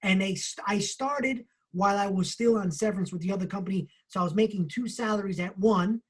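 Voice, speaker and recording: Man, book club co-host, husky voice, animated storytelling, casual swearing. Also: sits high, a little fast.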